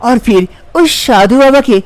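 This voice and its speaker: A woman narrating a cartoon story in an expressive storytelling manner. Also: a little high, measured pace, no echo.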